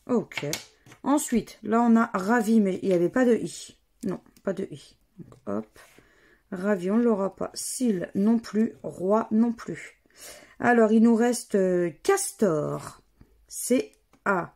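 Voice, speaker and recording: A woman's voice: mid-range voice, slow pace, gravelly, dark tone. A woman, casually commenting as she scratches lottery tickets and spells out letters and words one by one. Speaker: scratch-card vlogger.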